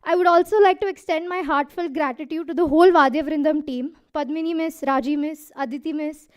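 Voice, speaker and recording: On a hall stage, a young Indian English woman in her twenties delivers a prepared thank-you speech in a high-pitched, steady, brisk voice. She sounds out of breath and earnest, laughing between lines.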